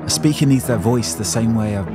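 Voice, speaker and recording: A man's voice: medium pitch, brisk. A man reading scripted first-person narration for a vlog. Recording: music behind.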